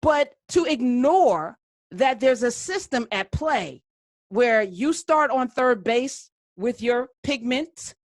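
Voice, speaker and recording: A woman's voice: on the high side, dry recording, clean studio sound. An American woman hosting a call-in debate, speaking conversationally in an assertive, challenging way with emphatic repetitions. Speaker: call-in show host.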